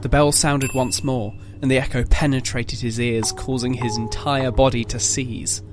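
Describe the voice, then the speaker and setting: Over soft background music, a man tells a scripted dramatic story in a measured, literary style. His voice is medium-pitched and steady in tone.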